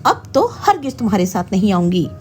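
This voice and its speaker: A woman voicing a proud, stubborn young wife with a sharp, indignant way of speaking, telling a storybook tale. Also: mid-range voice, big pitch swings, brisk, faint music behind, natural voice. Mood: angry.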